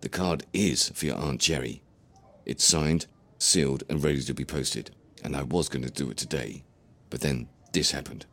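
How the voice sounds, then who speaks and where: A man's voice: very deep voice, moderate pace, fairly bright tone, exaggerated voice. A man voicing an elderly grandfather who tells a rambling, earnest tale. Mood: conspiratorial. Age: older. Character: chatty elderly grandfather, injured golfer.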